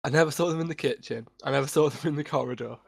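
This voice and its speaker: A man's voice: fairly high pitch, racing, gravelly, breathy edge, dry recording, clean studio sound. A young man from England co-hosting a casual podcast chat, talking while he eats in a laid-back way. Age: young adult. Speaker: podcast co-host. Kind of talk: casual chat over a call.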